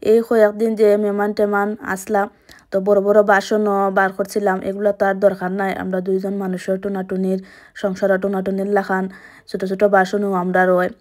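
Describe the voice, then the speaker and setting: Chatty Sylheti woman, flat steady voice. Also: mid-range voice, brisk. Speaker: vlogger. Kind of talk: casual home vlog narration. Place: home kitchen.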